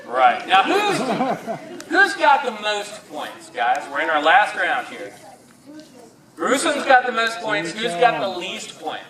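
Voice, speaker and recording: A man's voice: high voice, huge pitch swings, takes it slowly, crowd noise. A man hosting a live horror movie trivia quiz with a joking, bantering manner. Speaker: quiz host. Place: large hall at a live event. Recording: echoey hall, distant mic, audience noise.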